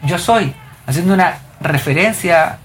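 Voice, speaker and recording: A woman's voice: on the low side, animated, a little slow, a little hiss or hum. A woman leading a group Bible study, explaining scripture and asking the group questions. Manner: asks the group questions, reads verses aloud.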